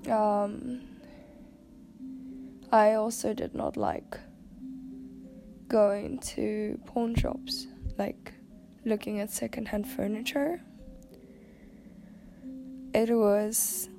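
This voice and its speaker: A woman with a nasal, congested voice casually tells personal stories in a musing way, sometimes trailing off softly. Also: mid-range voice, creaky. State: congested sinuses. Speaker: storyteller. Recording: music behind the voice. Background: music.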